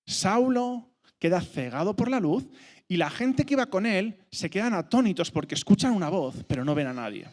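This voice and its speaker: A man from delivers a sermon with a lively, swinging pitch. He slows down deliberately to lean on each scripture line. His voice carries a long reverb from the church hall around him. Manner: animated, slows down for emphasis when reading scripture. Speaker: preacher.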